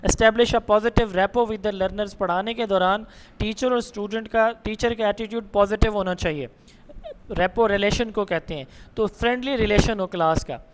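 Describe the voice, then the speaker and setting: A man with a Punjabi Urdu accent giving an online exam-prep lecture, reading English slide headings slowly and explaining them in Urdu with religious phrases. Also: sits high. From Pakistan. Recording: long hall reverb with faint noise.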